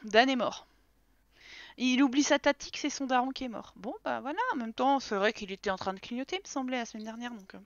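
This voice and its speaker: In a little-high, brisk voice, a woman swears her way through casual live commentary on a life-sim game, chatting to her characters as she plays. The recording is dry, and the stream audio dull and lo-fi.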